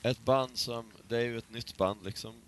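A man's voice: mid-range voice, fairly even intonation, slight background noise. A man co-hosting a casual podcast chat, talking hesitantly with many fillers and restarts. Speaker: podcast co-host.

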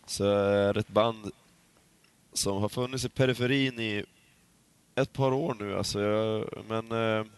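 Low-voiced man chatting with many fillers. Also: steady tone, clear, resonant tone. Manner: hesitant, many fillers and restarts. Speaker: podcast co-host. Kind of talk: casual chat.

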